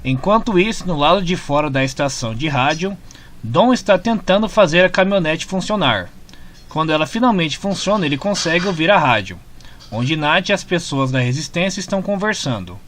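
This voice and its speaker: A man with a Brazilian accent reads a scripted story retelling as narrator of comic summaries, animated and a little fast. His voice is on the high side and a bit bright; music plays clearly behind it, along with a little hiss or hum.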